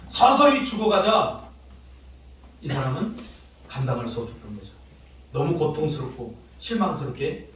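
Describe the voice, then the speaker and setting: A male pastor preaching a sermon, telling stories with emotional swings between soft and loud. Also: slight background noise. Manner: emotional storytelling with dramatic swings in pitch and loudness. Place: church sanctuary. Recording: echoey church hall, distant mic.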